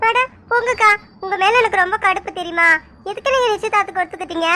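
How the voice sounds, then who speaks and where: An outspoken young village girl in a cartoon who talks fast and scolds, as voiced by a woman. Her voice is very high and bright, with faint room noise behind it. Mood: indignant. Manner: quick, scolding, indignant.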